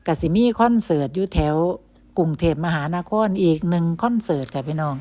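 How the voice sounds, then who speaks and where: A woman's voice: sits low, lively intonation, brisk, warm tone. A woman narrating a travel vlog voice-over, chatty and friendly toward her viewers. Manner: chatty, addresses viewers as "brothers and sisters".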